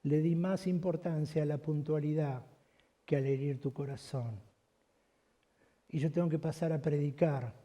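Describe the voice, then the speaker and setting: Pastor, man, story-led sermon, dark mellow voice. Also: on the high side, steady tone, unhurried, pauses often.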